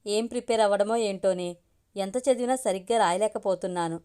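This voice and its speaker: A woman's voice: medium pitch, quick pace, darkish tone, clear, resonant tone, natural voice. A woman voicing a playful young college girl who teases her parents, read in an audiobook story. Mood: worried.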